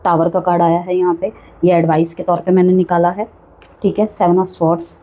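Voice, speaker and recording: A tarot reader talks through a monthly horoscope in a warm, mellow, slightly husky woman's voice. She sits a little low in pitch. Her delivery is chatty and cautionary, and she keeps checking in with her viewers. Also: flat delivery, moderate pace, low-quality recording. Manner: chatty, cautionary, repeats "ठीक है" often.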